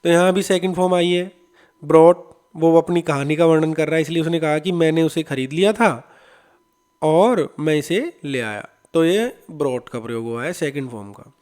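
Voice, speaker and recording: Guy teaching english to kids, smooth clear voice, a bit high, says words slow and patient. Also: a little mellow. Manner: patient, repeats words slowly for students. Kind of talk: explaining an English lesson in Hindi.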